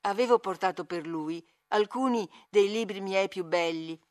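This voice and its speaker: A woman with a medium-pitched voice reads a classic novel aloud as an audiobook narrator. Her delivery is measured and expressive.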